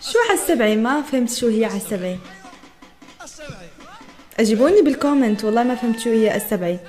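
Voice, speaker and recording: Young woman, reaction host, high-ish voice, chatty and amazed, faint background music. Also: expressive, fast talker, mellow. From Morocco. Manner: chatty, often laughing, exclaims in wonder. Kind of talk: casual reaction commentary.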